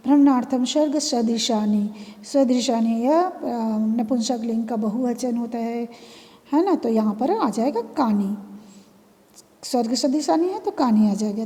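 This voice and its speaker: A woman's voice: fairly high pitch, warm tone. A woman teaching a lesson, explaining exercise answers patiently and step by step, often repeating key words. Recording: long reverb, room echo.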